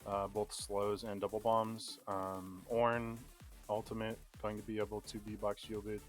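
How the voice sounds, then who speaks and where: A man with a lowish voice calls each pick of an esports draft in steady play-by-play, often pausing on an um. Faint music runs behind him. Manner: steady play-by-play, frequent ums. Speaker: play-by-play caster. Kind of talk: live esports draft commentary.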